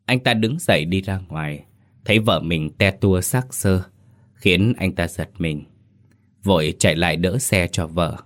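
Deep-voiced man narrating a story. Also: measured pace. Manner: steady, dramatic storytelling.

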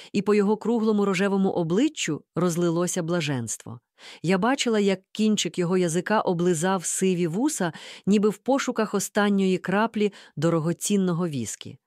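A woman reading a story aloud in the first person, with lively, expressive narration into a close mic. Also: mid-range voice, dry recording. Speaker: audiobook reader.

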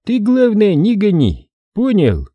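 A sly, menacing militant captor, as a man voices him for an audiobook, speaking in a raised, lively pitch. He barks orders and mocks with feigned surprise. The voice is husky and warm, and the recording is dry. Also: unhurried, no echo, muffled recording, full character voice. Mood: commanding. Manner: mocking, commanding, feigning surprise. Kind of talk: audiobook character reading.

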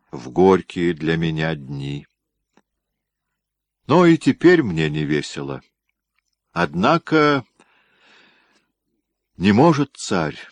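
A wrathful aging tsar barks orders in a dark, low voice lifted into command, as a male narrator plays him. He speaks raised and forceful, quick to anger. The recording is close and dry. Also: no echo, heavily acted. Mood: anguished.

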